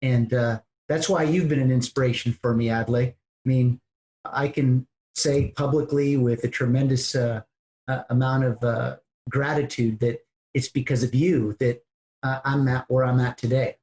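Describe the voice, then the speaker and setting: A man's voice: medium pitch, steady tone, normal speed, a little mellow. Earnest man hosting, echoey room. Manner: earnest, effusive. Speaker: podcast host. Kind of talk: casual interview wrap-up.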